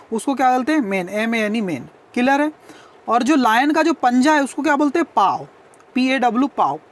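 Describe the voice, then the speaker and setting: Woman teacher quizzing and spelling. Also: high voice. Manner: asks questions and answers them herself, spells words letter by letter. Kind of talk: explaining an English textbook lesson.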